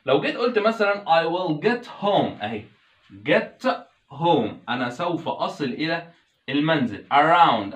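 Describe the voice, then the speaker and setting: A man with an Egyptian Arabic accent teaching an English lesson, repeating each example slowly and clearly. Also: mid-range voice, fairly bright tone, reverberant. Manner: slow drawn-out English examples, repeats phrases. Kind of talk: explaining language lesson.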